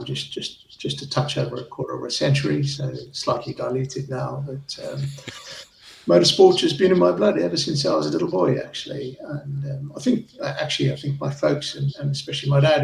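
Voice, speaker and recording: Brief: Zimbabwean-accented man, gravelly voice, friendly and halting, recorded a little off-mic in an echoey room. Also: mid-range voice, expressive, far from the mic. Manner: hesitant, restarts phrases, friendly. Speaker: guest, racing club vice chair. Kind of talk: casual interview chat.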